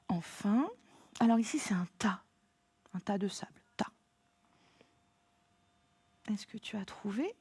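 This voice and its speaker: A woman's voice: mid-range voice, vocal fry, a little mellow, no echo. A woman teacher giving a remote lesson to young pupils, patient and encouraging, spelling words out letter by letter. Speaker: primary school teacher.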